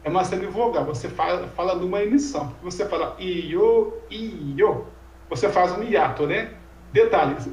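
A man teaching language in an informal lecture conversation, explaining patiently and asking rhetorical questions. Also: sits high. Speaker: Sanskrit teacher. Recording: echoey room, voice from far off mic.

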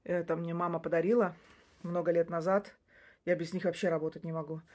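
Her voice is lowish and darkish with a level tone, and she speaks fairly quickly. She's a Russian-native woman in her forties, a social media creator chatting into a close-up phone camera in a small indoor space. Expect rambling, restarted sentences and short laughs between points.

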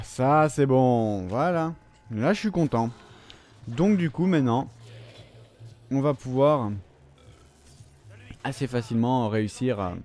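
A man giving live commentary over his gameplay, ranting and swearing in frustration, then talking himself back into calm. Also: medium pitch. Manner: profane, frustrated ranting that swings between outbursts and calming himself. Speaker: gamer recording his gameplay.

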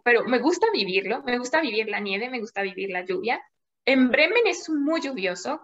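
A woman's voice: on the high side, a bit bright, muffled recording. A young adult Mexican woman, a climate scientist, talking at length as an interview guest with small laughs in between, over a video call. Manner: thoughtful, explains at length with little laughs. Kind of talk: casual interview chat.

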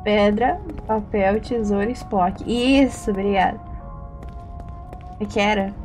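A woman's voice: mid-range voice, steady tone, takes it slowly, darkish tone, soft background music. A young woman with a Brazilian Portuguese accent, chatting casually and slangily while streaming a game and reading chat. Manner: chatty, slangy, giggly, reads chat aloud.

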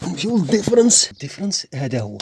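A man with a Moroccan Arabic accent giving a hands-on walkthrough, quick and conversational, pointing things out as he works beside a car outdoors. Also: high voice, very animated, background noise. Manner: fast, conversational, points things out while working. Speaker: car mechanic channel host.

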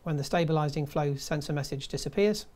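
A man's voice: on the high side, a little mellow. Man narrating step-by-step instructions. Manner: measured step-by-step delivery. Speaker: presenter.

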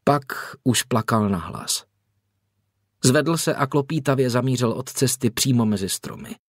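A male narrator reads a historical novel in a measured, expressive storytelling voice at an average pitch. The studio sound is bone-dry and close. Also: no room sound. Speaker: audiobook narrator. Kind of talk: scripted audiobook narration. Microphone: close studio mic.

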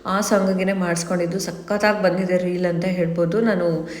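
A woman's voice: lowish voice, little pitch movement, normal speed, a little mellow. A woman in her thirties from Mysuru, telling chatty, rambling stories as a family vlogger. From Mysuru, India. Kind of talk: casual vlog narration. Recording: echoey, reverberant room.

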